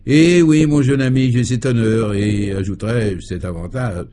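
A man's voice: mid-range voice, normal speed, dark tone, slight background noise, lightly acted. A man voicing an old, eccentric male museum professor who talks in a pompous, ceremonious way.

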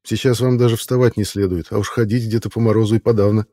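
A man's voice: lowish voice, steady tone, fast, mellow, voice pushed up, lightly acted. A man reading aloud voices a composed surgeon, speaking firmly and reasonably. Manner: firm, reasoning. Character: calm doctor, surgeon, measured adult man.

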